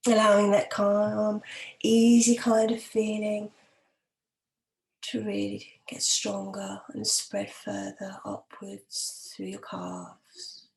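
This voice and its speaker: On a rough recording, a woman with a mid-range voice acts as a hypnotherapist guiding a relaxation meditation, her delivery soft, occasionally breathy, calm and measured, broken by long pauses.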